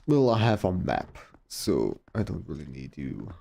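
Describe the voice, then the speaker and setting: Very low-pitched woman casually streaming a game. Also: big pitch swings, a little slow, creaky, dark tone, faint music behind. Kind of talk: casual gameplay commentary.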